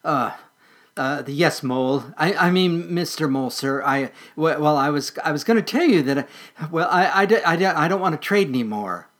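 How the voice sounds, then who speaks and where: A man voicing a timid young male squirrel who stutters in a tiny, high voice. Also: lively intonation, normal speed, fairly bright tone. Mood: nervous. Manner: stuttering, small voice.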